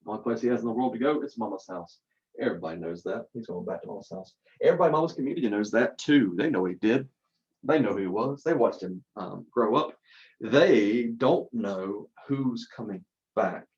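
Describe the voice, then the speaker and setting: A man's voice: mid-range voice, a little mellow, highs cut off. Man lecturing like a storyteller. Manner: conversational, with rhetorical questions and dramatic repetition. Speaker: college instructor.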